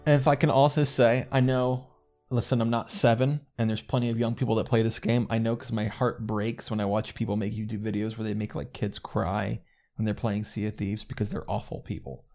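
A man guesting on a podcast, telling rambling, animated stories and laughing often. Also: lowish voice, a little fast. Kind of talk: casual gaming podcast chat.

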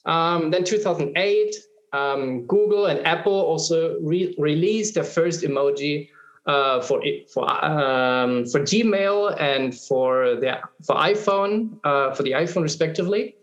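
A man's voice: fairly high pitch, a little slow, highs cut off. Man explaining in a roomy echo. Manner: explains patiently, many filler ums and restarts. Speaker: guest expert. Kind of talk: explanatory conversation.

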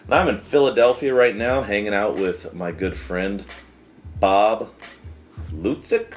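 Chatty deep-voiced man in a roomy space. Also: unhurried, faint music behind. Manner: chatty, jokey, many fillers like "like" and "uh". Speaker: podcast host. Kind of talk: casual interview chat.

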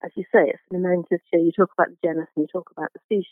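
A man, a garden writer, answering interview questions in a halting way, full of fillers and restarts. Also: high voice, fairly even intonation, no room sound. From Britain. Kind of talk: conversational interview. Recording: phone-like remote line.

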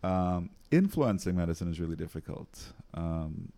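A man's voice: sits low, animated, normal speed, vocal fry, warm tone. A man in his forties from Trinidad, a physician and researcher talking casually as an interview guest, with frequent laughs and many ums and restarts. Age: 40s.

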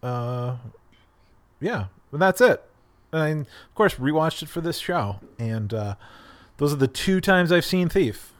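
A man's voice: fairly high pitch, lively intonation, a little slow. A man co-hosting a casual film podcast, hesitant and self-deprecating, with many fillers. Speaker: podcast co-host.

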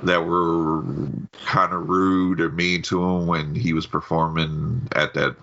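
A man with a very low, gravelly voice, sharp and forceful in tone, recounting a movie plot in relaxed podcast chat. The audio is dull and lo-fi. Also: slow. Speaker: podcast co-host. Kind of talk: casual chat about films.

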